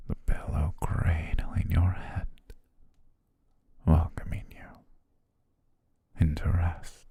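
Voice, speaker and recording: This intimate ASMR monologue comes from a man in the role of a male yandere butler, doting and possessive, who calms and controls in equal measure. Half-whispering right against the microphone, he coaxes slowly and gently, almost hypnotically, sprinkling in pet names. His voice is very deep, husky and breathy, exaggerated in performance, with no echo.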